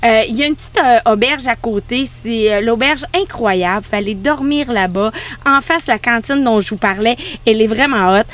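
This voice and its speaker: A woman's voice: a little high, normal speed, a bit bright. A woman from Saguenay with a Quebec French accent, co-hosting a podcast and chatting enthusiastically about road-trip spots, laughing often. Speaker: podcast co-host. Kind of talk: casual chat recommending road trips. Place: on a pontoon boat.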